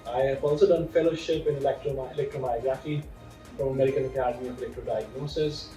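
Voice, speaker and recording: A man's voice: medium pitch, steady tone, fast, warm tone. A man who teaches physiotherapy, speaking in a matter-of-fact way in a casual interview. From India. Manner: matter-of-fact, lists credentials steadily. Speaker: physiotherapy course instructor. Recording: roomy room, distant mic, faint music.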